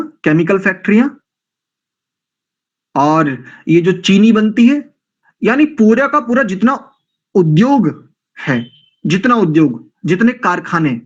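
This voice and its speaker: Brief: male scripture teacher, high pitch, rhetorical lecture style, dull lo-fi recording. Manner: rhetorical, questioning, acts out quoted excuses. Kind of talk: Hindi religious lecture.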